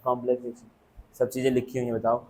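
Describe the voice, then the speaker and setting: A man's voice: medium pitch, monotone, rapid-fire, darkish tone. A man teaching a coaching class, scolding his students in a stern, repetitive lecturing manner. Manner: stern, lecturing, repeats himself.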